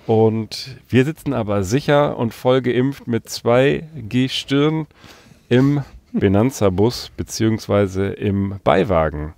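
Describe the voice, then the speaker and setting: A man with a gravelly, creaky voice hosts a loose, joking podcast chat. He is from Berlin and talks from inside a parked van, teasing his friends as he introduces them. The sound is close and dry. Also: mid-range voice, animated, takes it slowly, darkish tone, no room sound. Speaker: podcast host. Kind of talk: casual chat among friends.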